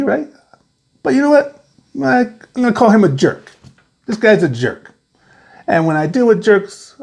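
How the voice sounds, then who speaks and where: A man's voice: high-pitched, darkish tone. A man hosting his own video, talking straight to the camera and giving advice, asking rhetorical questions and repeating his key points. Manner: asks many rhetorical questions. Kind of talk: direct-to-camera talk.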